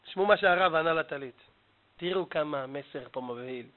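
A man preaching a sermon to an audience, telling a parable with emphatic, dramatic delivery. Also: on the high side. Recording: tinny phone-like audio.

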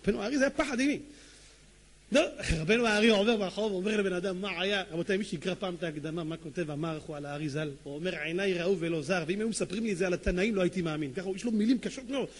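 A male preacher with a high voice delivers a sermon. He tells stories theatrically, acting out the scenes with animated energy and joking asides. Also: slightly rough. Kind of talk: sermon with dramatic storytelling.

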